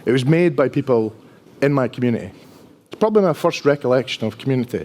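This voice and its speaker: A man's voice: mid-range voice, lively intonation, fast talker, a little mellow. A man in his fifties from Dundee with a strong Dundonian Scottish accent, giving an informal, chatty, self-deprecating conference presentation. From Dundee, Scotland. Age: 50s. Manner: chatty, self-deprecating, often tags sentences with "right?". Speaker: conference speaker, IT engineer.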